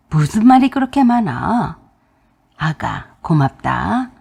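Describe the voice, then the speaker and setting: A woman voicing a blunt older father-in-law who speaks gruffly and slowly in a husky tone. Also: lowish voice, darkish tone, pitched below the performer's own voice, full character voice. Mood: kindly.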